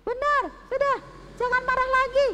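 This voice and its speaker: A woman's voice: very high voice, flat delivery, moderate pace, bright, forceful tone, pitched above the performer's own voice. A woman voicing a scheming queen in a children's story who coaxes and soothes her husband. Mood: sweetly triumphant. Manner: coaxing and soothing. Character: scheming sweet-talking queen, adult woman. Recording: long hall reverb.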